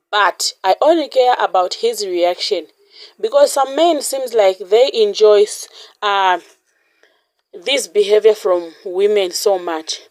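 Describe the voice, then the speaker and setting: Measured woman host giving her take. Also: medium pitch, darkish tone. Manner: measured, reflective, slightly halting. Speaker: channel host. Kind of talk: casual commentary to viewers.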